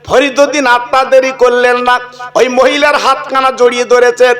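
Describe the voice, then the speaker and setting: High, bright-voiced male preacher. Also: flat delivery, moderate pace. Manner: storytelling with acted dialogue and asides. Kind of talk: sermon.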